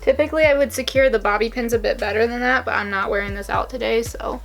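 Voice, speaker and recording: A young woman talks through a hair tutorial at home, chatty and quick to poke fun at herself. Her voice sits a little high. Soft music plays faintly beneath her. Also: vocal fry. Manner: chatty, self-mocking, rambling asides. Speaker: beauty vlogger. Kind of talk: casual hair tutorial chat.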